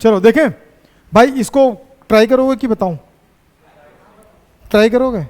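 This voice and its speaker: Man, physics teacher, high voice, teasing and hurrying students, classroom with long reverb. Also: darkish tone. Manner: teasing, urging students to answer fast.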